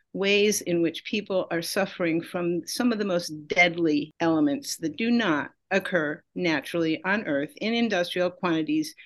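An older woman interviewed as an advocate, speaking in an impassioned, emphatic way. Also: lowish voice. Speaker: advocate guest. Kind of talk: interview answers.

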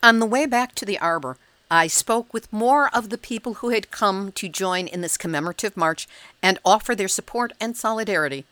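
Bright, crisp woman reporter. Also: mid-range voice, a little fast, no echo. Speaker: radio reporter. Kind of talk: scripted news narration.

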